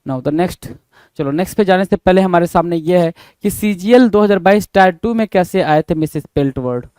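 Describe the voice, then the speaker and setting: Brisk man spelling words. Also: sits high, lively intonation, darkish tone, clear, resonant tone, dry recording. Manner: brisk, repeats and spells words letter by letter, calls listeners bhai. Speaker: exam prep teacher. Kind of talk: spelling quiz walkthrough.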